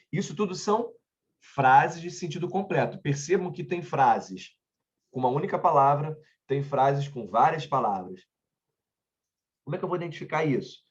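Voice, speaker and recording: A man's voice: medium pitch, dull audio. A man with a Brazilian Portuguese accent, teaching an online grammar lesson in a conversational way, often stopping to check in with his students and drifting into chatty personal asides.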